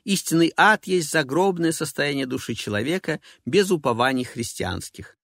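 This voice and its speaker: A man putting on a pompous radio priest, solemn and sermonizing, his voice pitched a little higher and rising and falling widely. It has a gravelly edge and sounds dry and close. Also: lively intonation, moderate pace, a bit bright, no room sound, exaggerated voice.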